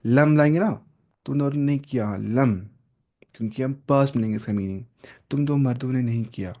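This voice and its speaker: A man's voice: mid-range voice, a little fast, warm tone. A male teacher giving an online grammar lesson, patiently drilling and repeating verb forms aloud. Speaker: Arabic teacher.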